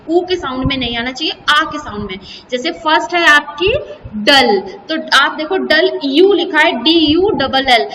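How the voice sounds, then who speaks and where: Slow, bright-voiced Indian woman teaching. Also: sits high, in a large hall, far from the mic, slight background noise, low-quality recording. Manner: slow, explaining step by step, spelling out words. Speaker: school English teacher. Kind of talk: recorded video lesson in Hindi and English.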